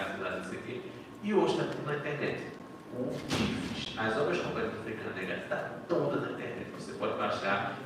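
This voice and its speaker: A man, a history professor speaking informally at a panel, enthusiastic and conversational, often restarting his sentences. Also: mid-range voice. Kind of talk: informal academic talk at a panel. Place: lecture hall. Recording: echoey hall, distant mic, background noise.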